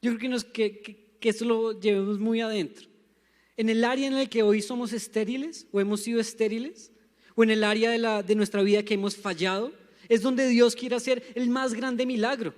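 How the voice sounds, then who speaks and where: A young man with a Bogotá Colombian accent preaches from the pulpit, his voice sitting unusually high for a man. He speaks emphatically and calls on the congregation to repeat words back. The sound rings with a long church hall reverb. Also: steady tone, moderate pace. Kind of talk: sermon. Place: church sanctuary.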